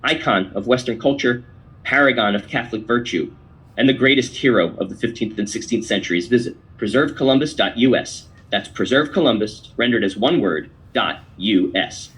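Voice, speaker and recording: A man's voice: medium pitch, expressive, moderate pace, a bit bright, rough recording. A man hosting a podcast, giving opinion commentary and reading a poem aloud in an emphatic, declamatory way. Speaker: podcast host.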